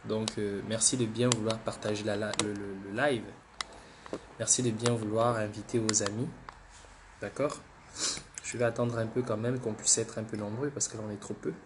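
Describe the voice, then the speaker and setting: A man from Gabon hosts a political livestream while suffering from the flu, repeating himself, restarting words, and urging viewers to share. His voice is lowish with fairly even intonation and a normal pace, and there's background noise.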